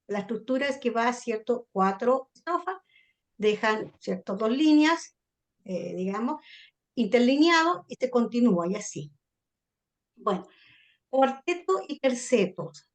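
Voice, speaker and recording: A Chilean woman leads a sonnet workshop over a video call. Her voice sits a little high. She explains step by step and keeps checking that her students are following. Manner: checks in often with "¿ya?" and "¿cierto?". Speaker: literature teacher leading a sonnet workshop. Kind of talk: online class explanation.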